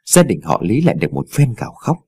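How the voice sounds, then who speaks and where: A man narrating a ghost story in a dramatic, expressive reading on a close mic. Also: medium pitch, fast talker, slightly rough, no room sound.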